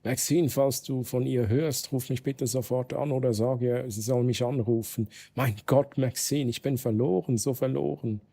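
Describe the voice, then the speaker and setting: A man's voice: medium pitch, mellow, lightly acted. A man reading as a grieving, pleading mother. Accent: Swiss German. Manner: pleading, anxious, read-aloud text messages. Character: grieving mother, worried and desperate.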